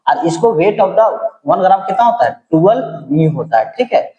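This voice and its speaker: Soft-spoken middle-aged male teacher. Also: sits high, sing-song, moderate pace, roomy sound, dull audio. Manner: casual, keeps checking in with "ठीक है"; speaking softly, holding his voice down. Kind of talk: chemistry lecture. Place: room at night.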